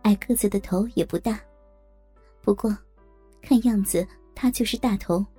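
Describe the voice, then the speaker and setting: A woman's voice: mid-range voice, normal speed, warm tone, breathy edge, faint music behind. A woman narrating a first-person adult story in a coy, teasing manner.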